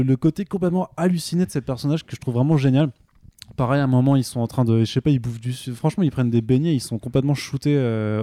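A man co-hosting a casual podcast, rattling along at a fast pace and tripping over his own words as he gets excited. His voice is dark and mellow, and it sounds dry and close. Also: medium pitch, no room sound. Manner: excited, stumbles and repeats words. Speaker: podcast co-host. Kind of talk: casual chat about a series.

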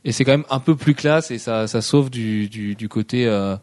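A man's voice: mid-range voice, moderate pace, a little mellow, dry recording. French guy hosting a movie chat, trips over his words, dry close sound. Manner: hesitant, many restarts and fillers. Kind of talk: casual chat.

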